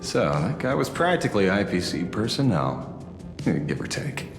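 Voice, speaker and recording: An actor playing a jaded, defiant detective in a game, sardonic and deliberate in delivery. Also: male voice, on the low side, big pitch swings, gravelly, reverberant, over music. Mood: wry, brooding. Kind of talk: dramatic game voice acting.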